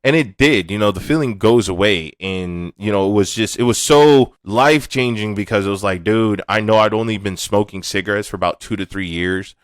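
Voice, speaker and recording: A man's voice: lowish voice, a little fast, hardly any pauses, no room sound. A man hosting a podcast, talking alone in a candid, laid-back way and swearing casually. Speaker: podcast host. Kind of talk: casual monologue.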